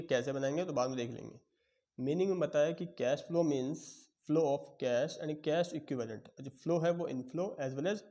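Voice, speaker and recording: A man teaching accounting in a lecture, explaining step by step and checking in with his students. He has a sore throat and often clears it. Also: a little high, darkish tone. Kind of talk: classroom lecture.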